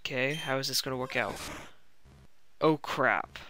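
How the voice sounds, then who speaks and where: A young man commenting on a game as he plays, reacting out loud and talking to himself, his voice cracking now and then. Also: mid-range voice, measured pace, soft background music. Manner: reacts loudly and talks to himself while playing. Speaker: let's play gamer. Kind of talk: gameplay commentary.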